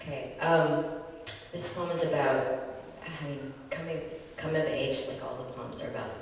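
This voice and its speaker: A man in his forties from Mississippi speaking as an open mic poet, moving between informal, halting asides and deliberate verse. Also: a little high, steady tone. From Mississippi, United States. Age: 40s. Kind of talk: open mic poetry reading with casual asides between poems. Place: large reverberant room at a live literary reading. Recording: very echoey hall, distant mic, faint noise.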